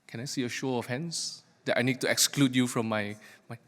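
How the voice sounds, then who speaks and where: Male academic presenter, emphatic lightning-talk delivery with questions put to the room, mid-range pitch, long hall reverb. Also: fairly even intonation, a little fast, a bit bright. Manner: questioning, engages audience with rhetorical questions. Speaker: academic researcher giving a talk. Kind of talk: live lightning talk to an audience. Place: large hall, speaking to a live audience.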